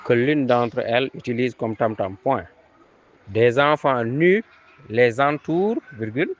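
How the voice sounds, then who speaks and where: A man reading a dictation aloud, repeating each phrase several times and calling out the punctuation. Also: medium pitch. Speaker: teacher giving a dictation. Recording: dull lo-fi recording.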